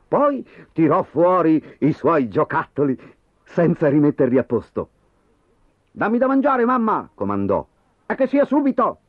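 A man narrating a storybook in an animated, playful way, his pitch swinging high and low. The recording is dry and tinny like a phone line, and faint music plays behind him. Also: dry recording.

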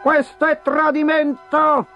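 A man voicing a tiny, hot-tempered male emperor in a storybook, shrieking and raging in a high voice. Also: animated, normal speed, muffled recording, faint music behind, close to an everyday voice. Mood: furious.

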